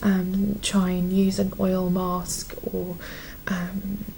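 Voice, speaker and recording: Woman, ASMR role-play, gentle calm nurse, soft breathy half-soft voice, reassuring, gravelly fry, faint background noise. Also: on the low side, very slow. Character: gentle calm nurse doing a scalp check. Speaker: ASMR performer playing a nurse.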